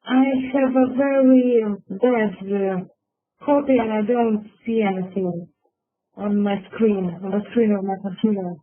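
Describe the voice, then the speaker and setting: A woman's voice: mid-range voice, fairly even intonation, unhurried. A woman teacher with a Russian accent, answering on a video conference call, who speaks hesitantly and searches for her words. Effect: conference call audio. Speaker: language teacher. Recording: phone-like call line with faint noise.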